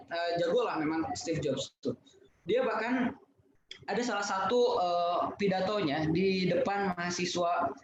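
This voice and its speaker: A man giving an online lesson on public speaking, explaining point by point with many fillers. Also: high-pitched. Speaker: webinar speaker. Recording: echoey, distant, dull and noisy.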